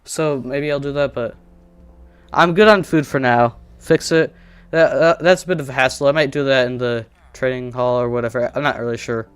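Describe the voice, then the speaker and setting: A man's voice: mid-range voice, steady tone, normal speed, clear, resonant tone, no room sound. A man streaming a survival game, casually thinking aloud and joking at his own expense while he plays. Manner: rambling, self-deprecating, thinking aloud.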